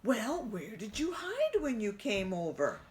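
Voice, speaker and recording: In a church, a woman reads a children's storybook aloud expressively, pausing to ask her young listeners questions. Her voice is a little high and her pace measured, with a little hiss or hum on the recording.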